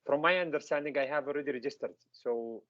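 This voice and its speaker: A man attending a webinar, heard over a video call, asks a question in a hesitant, halting way with many fillers. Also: medium pitch, a crowd in the background. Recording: muffled video call audio.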